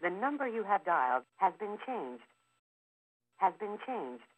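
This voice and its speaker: A woman's voice heard as a recorded telephone message, repeating itself slowly as it fades away. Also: medium pitch, sing-song, phone-quality sound. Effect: recorded phone message.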